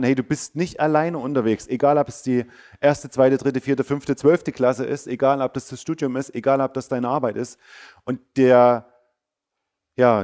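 A man preaching to schoolchildren, telling the story in an animated way, bursting out loud in places and dropping to a soft, quiet voice in others. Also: mid-range voice. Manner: animated storytelling, acting out the disciples with sudden loud outbursts; drops to a soft, quiet voice for reassurance. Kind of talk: lively sermon for schoolchildren.

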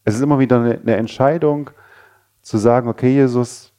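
A male pastor preaches in a conversational way, often asking his listeners questions. His voice is dark and mellow and sits at a middle pitch. He swings between raised, pressing lines and quiet, low ones. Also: fairly even intonation, brisk. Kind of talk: sermon.

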